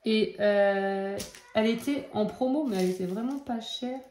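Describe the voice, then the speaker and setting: A working mother talking quickly and tripping over her words, chatting casually at home as she shows off her art supplies to camera. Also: fairly high pitch, a little mellow, a little hiss or hum. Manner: talks fast and stumbles over words; chatty, full of fillers and asides. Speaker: craft vlogger showing art-supply purchases. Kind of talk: casual haul chat to camera. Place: at home, with children nearby.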